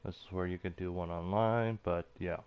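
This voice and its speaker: Low-voiced man muttering over gameplay. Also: fairly even intonation, moderate pace, clear, resonant tone, muffled recording. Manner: rambling, half-muttered asides. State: losing his voice. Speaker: game streamer. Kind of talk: casual gameplay commentary.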